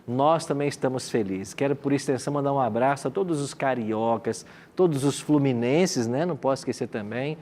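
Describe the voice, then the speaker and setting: A man's voice: mid-range voice, a little fast, hardly any pauses, darkish tone, slight background noise. A Brazilian man, a pastor and host, cordially introducing studio guests in a talkative way with frequent tag questions. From Minas Gerais, Brazil. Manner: cordial, talkative, often tags remarks with questions.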